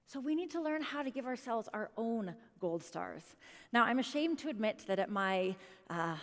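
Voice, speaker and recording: A woman in her thirties giving a motivational keynote speech, animated and quizzing the audience directly. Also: a little high, normal speed. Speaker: keynote speaker. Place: conference hall stage. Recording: long reverb of a large hall.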